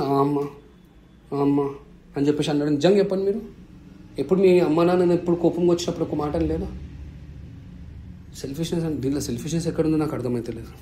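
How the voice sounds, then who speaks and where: A man's voice: a little high, mellow. A man, a family vlogger answering viewers' comments in an impassioned, defensive way, full of rhetorical questions.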